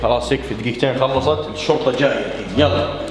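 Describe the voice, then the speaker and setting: Young male vlog host, playful and quick, roomy sound with music underneath. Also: mid-range voice. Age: 20s. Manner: playful, animated, addressing the camera and children. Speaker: YouTube host. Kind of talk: casual challenge vlog. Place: large house indoors and its doorway outside. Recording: echoey rooms, music behind.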